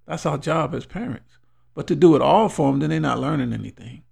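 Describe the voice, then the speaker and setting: A middle-aged man hosting a podcast as motivational talk, exhorting listeners emphatically and repeating phrases for weight, in a gravelly, husky voice. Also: a little high, brisk, a little mellow. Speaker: podcast host.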